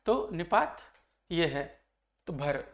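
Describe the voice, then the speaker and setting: A man's voice: fairly high pitch, animated, drawn-out words, creaky. Male grammar teacher, exam-prep lesson, quizzes students, acts out examples. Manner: explains by acting out example sentences; keeps asking questions to check understanding.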